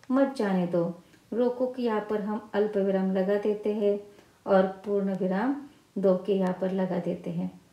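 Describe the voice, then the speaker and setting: A woman's voice: mid-range voice, warm tone, roomy sound, rough recording. A woman teaching a grammar lesson to school students, explaining examples step by step and stressing the key phrases.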